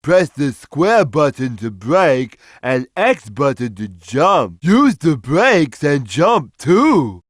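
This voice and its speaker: A man voicing a big, gentle, slow-witted cat in a video game, with a simple, childlike, drawn-out delivery. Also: fairly high pitch, big pitch swings, husky, dry recording, clean studio sound, heavily acted. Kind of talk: video game character voice lines.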